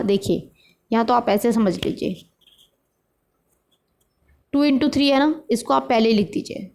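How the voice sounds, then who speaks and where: Woman teacher, fairly high voice, patient question-and-answer explaining. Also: darkish tone. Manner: patient, asks and answers own questions, calls students beta. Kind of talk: maths lesson explained step by step.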